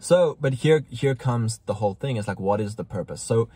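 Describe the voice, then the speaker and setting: A man talking in a casual conversation with a slightly husky voice at a middle pitch. He speaks emphatically and preaches, and he gets heated at times. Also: lively intonation, moderate pace, warm tone, dry recording.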